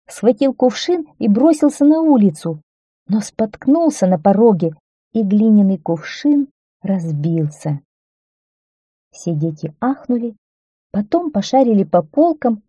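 Woman reading a kids' story, calm steady pace, super dark mellow voice, dry close sound. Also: medium pitch, dry recording. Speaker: narrator. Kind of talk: reading a children's story aloud.

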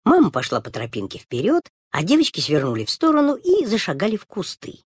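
Expressive woman reading a children's story. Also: medium pitch, fairly quick, slightly rough, no room sound, clean studio sound. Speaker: reader.

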